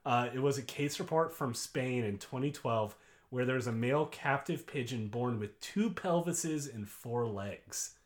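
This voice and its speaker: A man's voice: mid-range voice, unhurried. A young man hosting a casual podcast chat, rambling with fillers and laughing often. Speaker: podcast host.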